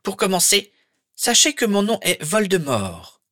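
A chilling storybook villain, a dark male wizard whose high voice hisses with slow, silky menace, voiced by a man narrating. The tone is sharp and bright. The recording is close and dry, with no room sound. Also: sing-song, no echo, full character voice. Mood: menacing. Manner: slow, honeyed, threatening. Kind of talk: audiobook character voice.

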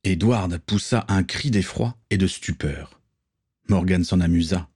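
A man narrating a story in a steady audiobook reading. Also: low-pitched, unhurried, slightly rough.

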